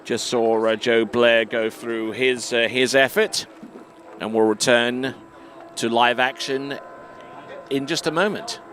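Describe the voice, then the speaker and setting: A man giving live water ski commentary in a measured way, with frequent fillers. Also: mid-range voice, a bit bright, slight background noise.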